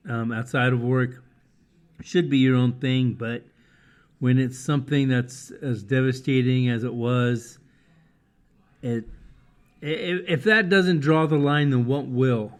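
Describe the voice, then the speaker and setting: A man's voice: medium pitch, steady tone, unhurried. A man co-hosting a casual podcast, speaking in a hesitant, earnest way with many restarts. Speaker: podcast co-host. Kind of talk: casual chat.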